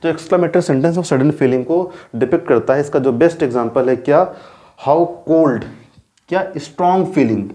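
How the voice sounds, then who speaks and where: A man with an Indian accent teaching a grammar lesson. He keeps posing rhetorical questions, answers them himself, and repeats key terms slowly. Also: on the high side, mellow. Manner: mixes English terms into explanations. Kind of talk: classroom grammar lecture.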